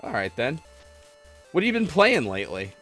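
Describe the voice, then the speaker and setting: With a sharp, rather high voice whose pitch swoops wildly, a man chats at a normal speed while playing a game on his livestream podcast. He takes callers and rambles in a nerdy, self-deprecating style as retro video game music plays in the background.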